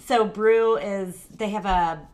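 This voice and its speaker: A woman chatting casually as a guest, upbeat and quick to laugh. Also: mid-range voice, a little mellow. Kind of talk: casual chat.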